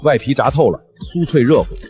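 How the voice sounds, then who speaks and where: A man playing a steady, practical imperial master chef who gives terse instructions in a comic short drama. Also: medium pitch, fairly quick, soft background music, lightly acted. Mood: instructive, steady.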